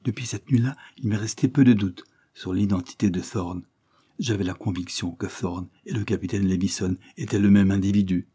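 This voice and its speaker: A man's voice: fairly low pitch, steady tone, normal speed, dark tone, breathy edge. A man reading aloud voices an anxious young wife in an audiobook, raising his voice above his own for her urgent lines.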